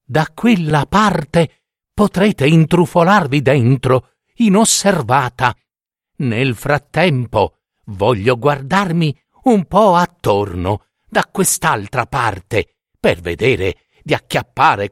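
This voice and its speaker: A man voicing a sly, cunning female fox in a storybook reading, wheedling, moaning and mocking with shrill cackles. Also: sing-song, slow, no room sound, studio quality.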